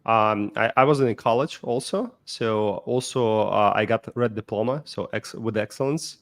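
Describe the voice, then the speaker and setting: A man's voice: on the low side, moderate pace. A man from Russia with a Russian accent, telling his life story as a podcast guest, with many fillers and restarts. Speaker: guest, startup founder. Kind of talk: casual interview.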